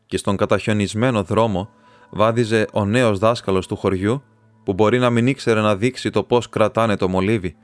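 Low-voiced man reading a story. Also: fairly even intonation, no room sound, faint music behind. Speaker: audiobook reader. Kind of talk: reading a classic short story aloud.

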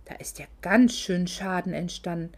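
A woman's voice: on the low side, moderate pace, darkish tone, voice pushed down. Woman doing a smug, oily male loan shark. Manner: oily, condescending, mock-polite. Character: smug greedy male moneylender, fake-sweet.

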